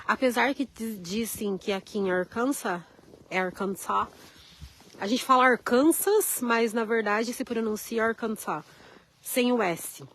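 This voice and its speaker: A woman's voice: on the high side, measured pace, fairly bright tone, rough recording. A woman with a Carioca Brazilian accent, chatting on a live vlog outdoors in the snow, greeting viewers by name as she walks around, feeling the cold. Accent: Carioca Brazilian Portuguese. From Rio de Janeiro, Brazil. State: cold, chilled hands. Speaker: vlogger. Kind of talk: live-stream chat outdoors, reading viewer comments. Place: outdoors at a snowy RV park.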